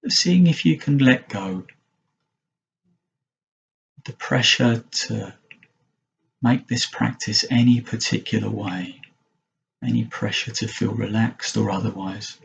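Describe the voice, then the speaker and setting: Leading a mindfulness meditation, a teacher speaks in a low, gravelly voice, gentle and unhurried, with short phrases and lengthy pauses. The high frequencies are cut off, and a slight hiss or hum sits underneath.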